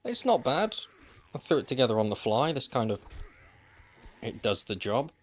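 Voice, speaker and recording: A man's voice: mid-range voice, big pitch swings, moderate pace. A man streaming a survival game, chatting casually to viewers with dry, wry asides. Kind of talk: casual gameplay commentary. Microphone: desk microphone.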